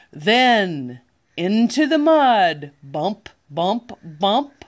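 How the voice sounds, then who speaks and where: Very slow, lively older woman reading. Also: medium pitch. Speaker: grandmother reading to a child. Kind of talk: children's picture-book read-aloud. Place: living room, indoors.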